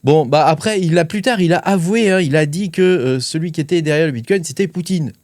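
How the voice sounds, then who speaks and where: A man's voice: a little high, a little fast, darkish tone, no echo. Man, channel host, casual commentary, hesitant and filler-heavy, dry close recording. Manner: rambling, many fillers and hesitations, reading notes.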